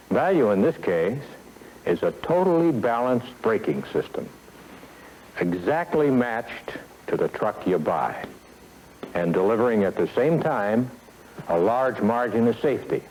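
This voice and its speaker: With a voice on the low side and a little mellow, an American company executive presents a scripted sales training lecture, formal and measured, punctuated by emphatic phrasing and deliberate pauses. The 1970s film soundtrack is poor, with a little hiss or hum.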